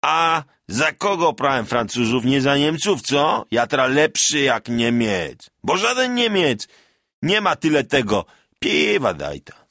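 A man's voice: medium pitch, sing-song, slow pace, bright, forceful tone, no room sound, studio quality, voice pushed up, heavily acted. A man voicing a drunk, boastful old peasant soldier who talks in rustic dialect with a swagger. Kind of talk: audiobook character voice.

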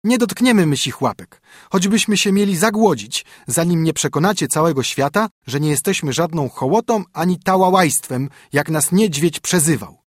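A man voicing a brood of young wrens in a storybook tale, shrill and outraged. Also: animated, moderate pace, dry recording, clean studio sound. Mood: indignant.

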